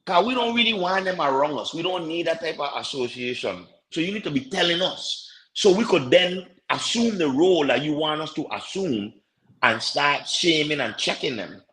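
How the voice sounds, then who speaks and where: A man's voice: fairly high pitch, animated, moderate pace, fairly bright tone. Guy on a podcast, blunt and streetwise, voice echoing round the room. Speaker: podcast co-host. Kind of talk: casual podcast discussion. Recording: roomy echo.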